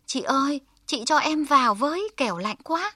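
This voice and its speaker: A woman's voice: sits high, lively intonation, moderate pace, sharp tone, no echo, clean studio sound, voice pushed up. A woman voicing a poor, overworked young man who speaks in a timid, pleading way. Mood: begging. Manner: pleading, fearful. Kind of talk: storybook voice.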